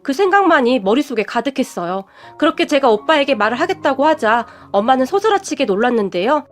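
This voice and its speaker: Young female storyteller, earnest and fiery, high-pitched, faint music bed. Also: sing-song. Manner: earnest, quick to anger. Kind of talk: scripted radio-story narration. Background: faint background music.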